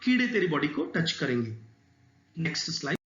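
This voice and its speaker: Higher-pitched male teacher lecturing in a roomy space. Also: sing-song, a bit bright, muffled recording. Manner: mixes English terms and quoted verse into Hindi, reads verse slowly; addresses students directly, explanatory. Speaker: English literature teacher. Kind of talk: lecture explaining an English poem in Hindi.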